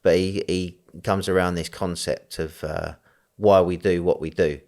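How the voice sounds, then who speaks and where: A man with a strong East London accent talks as an interview guest, his voice sitting very low. He rambles, fills pauses with ums and you-knows, and laughs easily as he goes. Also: fairly even intonation, gravelly, darkish tone. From East End of London, England. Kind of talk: conversational interview.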